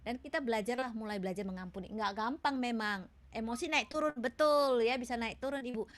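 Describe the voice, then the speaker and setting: A woman's voice: on the high side, brisk, a bit bright. Patient woman speaker on a webinar. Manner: explains patiently with many hesitations and tag questions. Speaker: seminar speaker. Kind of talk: webinar talk answering questions. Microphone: video call.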